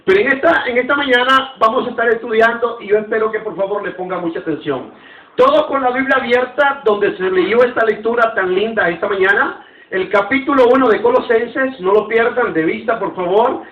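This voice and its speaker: A man from Nicaragua with a Nicaraguan accent, preaching a Sunday school sermon as pastor and leading slow, emphatic scripture readings in a church hall. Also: very high voice. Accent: Nicaraguan Spanish. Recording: roomy, distant, dull church recording.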